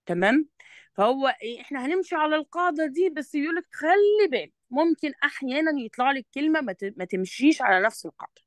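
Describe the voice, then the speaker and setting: Egyptian woman tutoring, higher voice. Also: lively intonation, dry recording. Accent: Egyptian Arabic. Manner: explains patiently, keeps checking understanding; reads English sentences slowly and deliberately. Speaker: English tutor. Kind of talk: one-on-one revision lesson.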